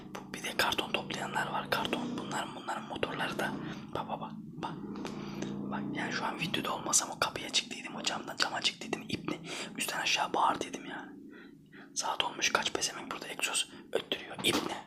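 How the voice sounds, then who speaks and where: A man from Trabzon, Turkey, whispers a rambling ASMR anecdote at a fairly quick pace. His breathy storytelling is casual, colloquial, and full of swearing.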